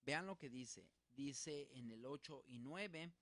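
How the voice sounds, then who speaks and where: A man teaching a Bible study in a relaxed spoken way, working through examples with many fillers and restarts. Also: medium pitch, slow pace, dry recording.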